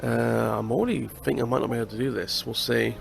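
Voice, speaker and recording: A young British man, stuffed up with a cold, gives chatty let's-play commentary for his gaming channel and swears now and then. His voice is medium-pitched and gravelly at a quick pace, with faint music behind.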